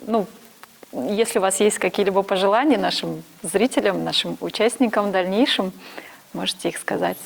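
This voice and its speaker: A woman in a medium voice conducts an interview, asking her guests questions with courteous, formal phrasing. She speaks at an even, ordinary pace. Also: mid-range voice, normal speed, gravelly. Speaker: interviewer, host.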